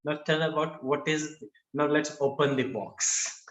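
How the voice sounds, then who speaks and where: A man hosting an interview as a life coach, asking halting questions with many fillers. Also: on the high side, fairly even intonation. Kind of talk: interview host. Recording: echoey room with faint noise.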